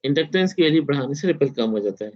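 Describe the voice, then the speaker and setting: Fast-talking lecturer on a video call. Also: male voice, on the high side, expressive, a little mellow. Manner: explains step by step, mixing in English technical terms. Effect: heard over a video call. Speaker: university lecturer. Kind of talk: online class lecture. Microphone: laptop on video call. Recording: dull video call audio.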